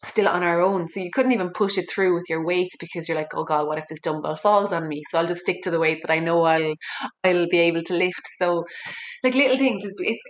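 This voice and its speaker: A young woman with a West Clare Irish accent, a rugby player chatting about her sport in an interview, rambling and chatty over a remote call. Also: lowish voice. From West Clare, Ireland. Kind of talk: casual interview chat.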